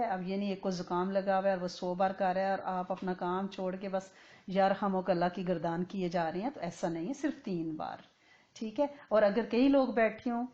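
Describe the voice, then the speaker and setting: A woman giving a conversational religious lesson as an Islamic teacher, often checking that listeners follow and chanting Arabic phrases slowly. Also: on the low side, warm tone. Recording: dull lo-fi recording.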